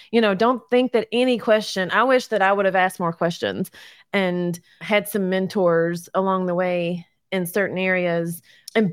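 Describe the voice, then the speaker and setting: A woman's voice: mid-range voice, no echo. Casual, down-to-earth woman guest, encouraging, laughs a lot, dry close recording. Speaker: guest, realtor and short-term rental owner. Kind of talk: casual interview chat.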